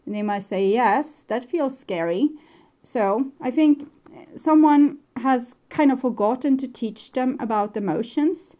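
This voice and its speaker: A woman with a mellow, warm voice reads tarot cards for the viewer. She talks to them directly with gentle advice, her phrasing loose and wandering. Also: high voice, measured pace. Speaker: tarot card reader. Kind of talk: pick-a-card tarot reading monologue.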